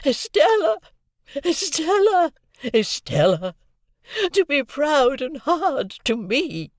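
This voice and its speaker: A woman playing Miss Havisham, wailing high. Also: animated, dry recording, studio quality. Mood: shrieking. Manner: moaning, wailing, drawn-out. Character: old jilted woman, wild and anguished. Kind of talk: audiobook drama reading.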